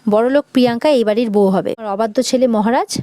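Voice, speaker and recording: A bossy, scheming mother-in-law who scolds and threatens, read out by a woman narrator. The voice runs rapid and a little high. The sound is close and dry. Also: mellow, dry recording, natural voice. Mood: scolding. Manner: harsh, scolding. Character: scheming domineering middle-aged mother-in-law.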